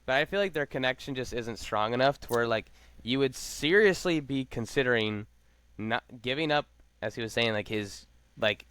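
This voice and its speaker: A man's voice: medium pitch, expressive, fairly bright tone, clear, resonant tone, dry recording. A man co-hosting a podcast, chatting casually and slangily as he recaps a reality show. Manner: laid-back, slangy, talks fast with lots of fillers. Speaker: podcast co-host.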